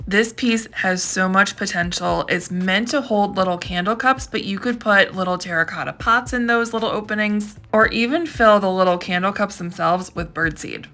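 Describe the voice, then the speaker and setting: A woman's voice: medium pitch, moderate pace, hardly any pauses, a bit bright, faint music behind. A woman host narrating a casual thrifting vlog, gushing with enthusiasm over each find.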